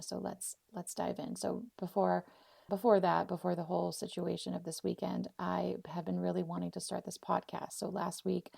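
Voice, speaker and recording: Heartfelt and spiritual in her wording, this Polish-born podcast host from Arizona talks off the cuff in an effusive way on her casual solo show. She's 39 and has an American accent. Her voice is on the low side, creaky and dark-toned, captured in a dry, clean studio recording.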